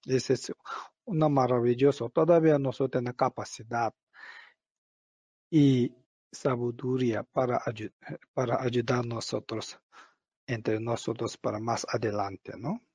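Slow, mellow man with a foreign Spanish accent. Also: mid-range voice, fairly even intonation, slightly rough, dry recording. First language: not a native Spanish speaker. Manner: halting, broken grammar, often tags phrases with a questioning "no?". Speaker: Buddhist meditation teacher. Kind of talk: guided meditation and teaching.

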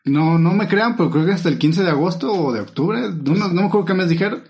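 A man in a casual chat, giving blunt opinions with quick hedging asides. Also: high voice, lively intonation, a little mellow.

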